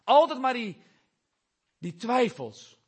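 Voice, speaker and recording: A man's voice: very high-pitched, sing-song, slow, breathy edge. A man preaching a sermon to his congregation, earnest and reading out scripture, his voice rising and falling in volume. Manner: earnest, quotes scripture, rises and drops in volume.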